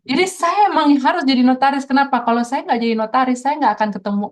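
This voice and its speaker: A woman's voice: sits high, fast talker. A middle-aged woman giving an earnest personal testimony in an interview, telling her story to the host and often addressing him directly.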